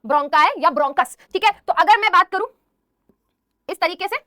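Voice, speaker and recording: A woman's voice: very high voice, normal speed, sharp tone, no echo, studio quality. A young woman teaching a biology lesson, calling students "beta" and asking and answering her own questions, slipping English terms into her explanations. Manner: mixes English terms into speech.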